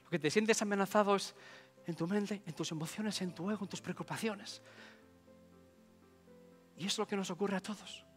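Animated guy telling a story in a motivational talk, high pitched, echoey hall, music behind. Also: moderate pace, long pauses. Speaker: motivational speaker. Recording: long hall reverb, soft music.

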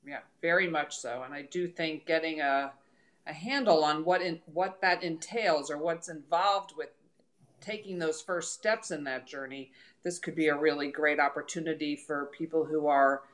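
A woman in a casual chat, agreeing warmly and adding her own points about the events. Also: low voice, steady tone, normal speed. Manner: agreeable, chimes in with affirmations.

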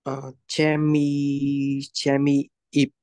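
A male student reading vocabulary aloud in class, halting and hesitant, often pausing on fillers. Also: mid-range voice, monotone, a little mellow, no room sound.

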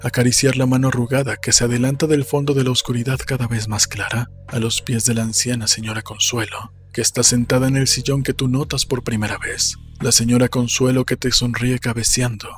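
A man reads scripted literary fiction as an audiobook narrator, medium-pitched, measured and solemn. He sits in a small room indoors at a desk microphone close to his mouth, wearing headphones, with soft background music.

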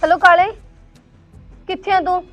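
A woman's voice: very high voice, fairly even intonation, normal speed, a bit bright, no room sound, dull audio, soft background music. A woman acting in a short drama, emotional and accusing. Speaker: actress in a short Punjabi drama. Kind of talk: amateur short-film acting.

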